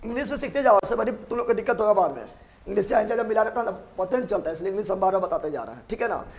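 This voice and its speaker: A male teacher runs his lesson as a call-and-response drill. He asks the same question again and again, then echoes the answer back. His voice sits high for a man. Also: lively intonation, racing. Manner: drills the class with call-and-response questions, repeating each term. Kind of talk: classroom biology lesson. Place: classroom with students.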